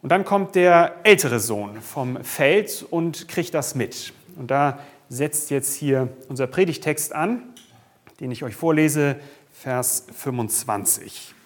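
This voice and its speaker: A man's voice: medium pitch, animated, slow. A man preaching a sermon as pastor, speaking directly to the congregation with rhetorical questions and the occasional hesitant "uh".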